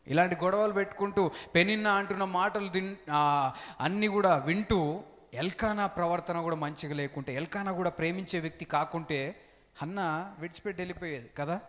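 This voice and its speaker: A man's voice: high-pitched, a little fast, a bit bright. A male pastor preaching a sermon, repeating his phrases and calling out hallelujah. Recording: long hall reverb.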